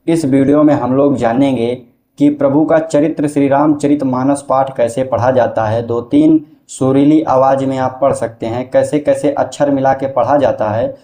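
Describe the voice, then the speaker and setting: A man explaining step by step how to recite devotional verses in a casual teaching style, breaking into slow melodic chanting. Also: medium pitch, steady tone, warm tone.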